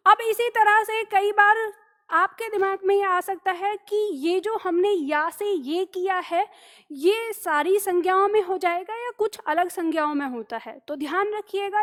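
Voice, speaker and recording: A woman's voice: very high voice, a little slow, fairly bright tone. A woman teaching a grammar lesson, patiently explaining rules, repeating example words and checking in with her students.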